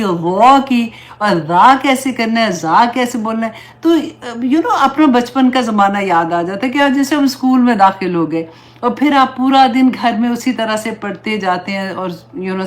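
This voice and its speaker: A woman religious teacher gives an earnest talk to her followers, mixing English words into her speech and reciting Arabic prayers slowly. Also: a little high.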